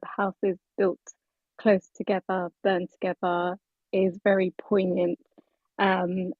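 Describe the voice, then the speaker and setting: A woman from Somaliland speaks steadily in a group discussion, pausing often on "um". Her voice stays flat in pitch and a little husky. It comes through a tinny, phone-like call line. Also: no echo. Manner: steady, with frequent "um". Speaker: guest speaker. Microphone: video call.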